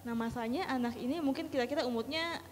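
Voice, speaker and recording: A woman in the audience asking the speaker a question, halting and searching for words. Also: sits high. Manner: halting, with many fillers and restarts. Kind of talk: hesitant question from the floor. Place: large hall with an audience. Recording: reverberant hall, faint background noise.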